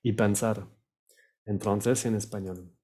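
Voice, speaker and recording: A man teaching French pronunciation, repeating words slowly and sometimes searching for the right word. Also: on the low side, fairly even intonation, dark tone, a little hiss or hum. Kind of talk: pronunciation lesson.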